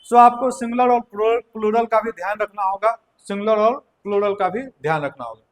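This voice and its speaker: A man's voice: high-pitched, a little fast. A male teacher giving a language grammar lecture, repeating key points and checking in with his students often. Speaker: English teacher. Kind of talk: classroom lecture.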